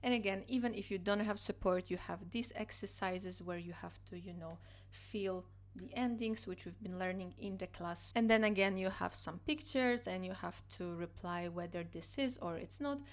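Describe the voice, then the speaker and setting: With a lowish voice and moderate pace, a young Polish teacher who grew up speaking Polish explains her online course in English as she shares her screen. Each section gets patient, repeated explanation peppered with "you know," and she's recorded indoors at a desk via a computer mic.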